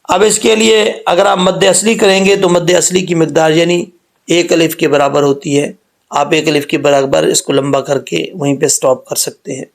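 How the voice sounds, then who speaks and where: A man giving a Quran recitation lesson, who explains each rule patiently and slows down to model the sounds. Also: on the high side, flat delivery, vocal fry.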